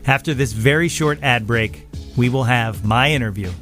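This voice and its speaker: A middle-aged American man hosts a podcast, warm and gushing, shifting between a scripted intro and relaxed interview banter. His voice is medium in pitch at a normal speed, set against loud music.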